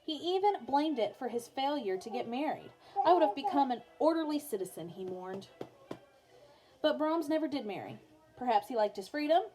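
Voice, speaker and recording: On a low-quality recording, a young adult music teacher reads a biography to her students in an informal way, adding offhand remarks. She frequently breaks off to calm a little child. Her high-pitched voice is expressive and mellow, moving at a moderate pace.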